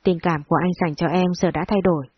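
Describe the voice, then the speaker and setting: A woman's voice: fairly low pitch, steady tone, quick pace, breathy edge, dry recording, dull audio. A woman voicing a stern young male director. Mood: firm.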